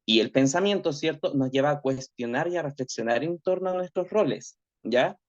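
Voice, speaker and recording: A man's voice: on the high side, normal speed. Man lecturing over dull video-call audio. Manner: reflective, sprinkles constant tag questions. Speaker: teacher. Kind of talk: online class lecture.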